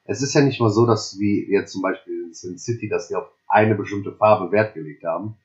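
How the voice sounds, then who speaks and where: A man's voice: fairly low pitch, a little fast, dull audio. A man co-hosting a casual film podcast, adding trivia and short agreements. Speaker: podcast co-host. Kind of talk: casual chat.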